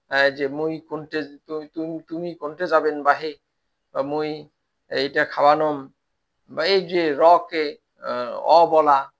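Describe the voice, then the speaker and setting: A man teaching a Bengali language class to polytechnic students, explaining step by step and pausing often with "ah" fillers. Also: fairly high pitch, fairly bright tone. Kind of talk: recorded online lecture.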